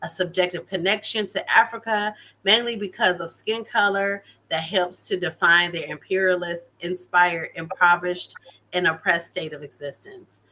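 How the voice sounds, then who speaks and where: A woman on a discussion panel reading a passage aloud in a steady way, with small slips. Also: fairly low pitch, normal speed.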